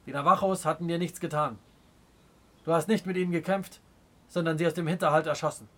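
A man's voice: on the high side, steady tone, sharp tone. A man voicing a proud, stern Native chief in an audiobook, speaking in a scornful, commanding way. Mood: angry. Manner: scornful, commanding, slow and weighty. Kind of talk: audiobook character reading.

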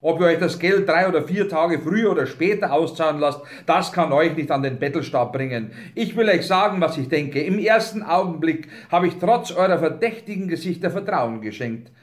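A cool, sly frontiersman, voiced by a male audiobook reader lays out his suspicions firmly and with quiet mockery. His voice sits high and carries with force. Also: lively intonation, normal speed, few pauses, close to an everyday voice. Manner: cool, firm, mildly mocking.

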